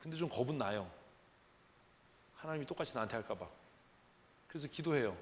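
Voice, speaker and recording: A man's voice: mid-range voice, animated, brisk, big-room sound, slight background noise. A man preaching as pastor at a church prayer meeting, talking conversationally and emphatically with many rhetorical questions. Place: church sanctuary.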